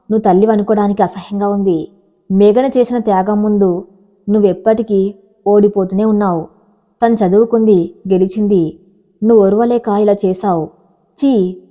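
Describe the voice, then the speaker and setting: A woman's voice: medium pitch, steady tone, normal speed, pauses often, warm tone, big-room sound, natural voice. A woman voicing a suspicious young husband who speaks in an accusing, emotional way, on a dull lo-fi recording. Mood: anguished.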